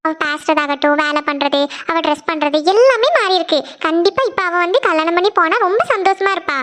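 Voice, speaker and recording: Cartoon role: supportive younger sister, voiced by a performer, shrill and fast-talking, gently persistent. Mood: coaxing. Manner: coaxing, reassuring, rapid questions. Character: caring younger sister comforting her elder sister. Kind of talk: Tamil cartoon series dialogue.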